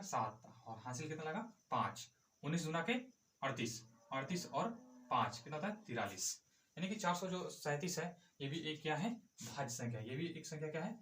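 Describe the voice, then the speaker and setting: A man's voice: on the high side, a bit bright, echoey room. A male math teacher explaining a lesson step by step, asking and answering his own questions as he goes.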